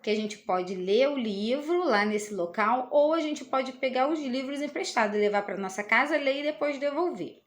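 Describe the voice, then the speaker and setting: A woman with a Brazilian Portuguese accent teaching a children's lesson, explaining slowly and patiently with many tag questions. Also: high-pitched.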